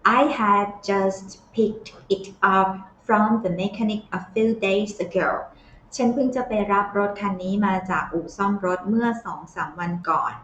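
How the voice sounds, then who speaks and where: A woman teaching English, explaining everyday phrases patiently and reading English lines slowly. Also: medium pitch, animated, fairly bright tone, a little hiss or hum. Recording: echoey, slightly dull sound.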